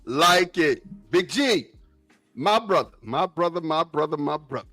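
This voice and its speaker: A man co-hosting a sports podcast in casual chat, enthusiastic and quick to laugh. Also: fairly high pitch, expressive, pushed and bright, faint music behind. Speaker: podcast co-host.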